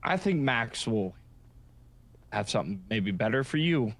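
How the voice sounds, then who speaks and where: A man playing an earnest, supportive friend in improvised game role-play, chatting casually in a halting, repetitive, consoling way. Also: on the low side, expressive, fairly bright tone, full character voice.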